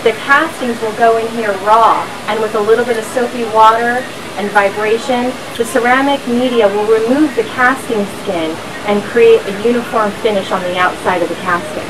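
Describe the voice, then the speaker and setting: A woman with a fairly high voice and steady tone explains the factory step by step, at normal speed and hardly pausing. She's leading a walk-through on a busy floor, with machinery and workshop noise caught by a somewhat distant mic.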